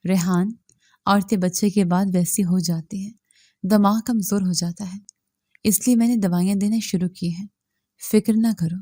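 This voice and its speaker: A woman's voice: medium pitch, steady tone, mellow, natural voice. A woman reading the lines of a domineering, scheming older mother-in-law in a storybook tale, spoken in a harsh, commanding manner. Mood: calm.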